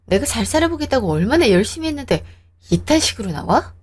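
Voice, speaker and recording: A woman's voice: fairly high pitch, sing-song, fast talker, a little mellow, slight background noise. A woman voicing a defensive, hot-tempered young husband who talks in a sneering, combative way.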